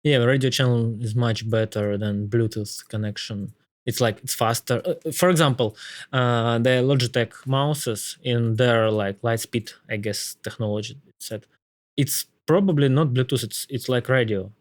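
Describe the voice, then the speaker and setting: A man with a Slavic accent talking casually about tech, haltingly, often repeating words as he thinks aloud. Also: medium pitch, no echo.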